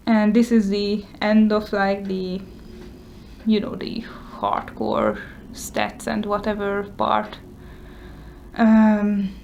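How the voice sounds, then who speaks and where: A woman with a medium-pitched, slow, creaky voice and a darkish tone shows off her journal in a casual vlog, speaking hesitantly with lots of fillers. Hungarian is her first language. The audio is dull, with slight background noise.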